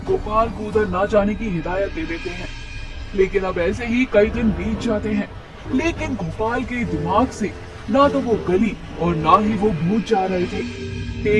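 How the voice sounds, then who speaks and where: A narrator reading a scripted horror story for a cartoon. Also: mid-range voice. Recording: distant voice under loud music.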